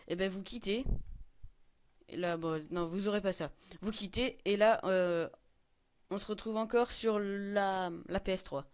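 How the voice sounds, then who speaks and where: A man's voice: sits high, clear, resonant tone. A teenage boy walking through a game mod tutorial, hesitant and full of fillers and self-corrections. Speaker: gaming tutorial maker. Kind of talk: screen-recorded tutorial.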